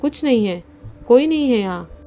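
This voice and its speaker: A woman reading the lines of a young man in a horror story, who is scared but keeps trying to reassure the others, in her own dark voice. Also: fairly high pitch, animated, normal speed, faint music behind. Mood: calming.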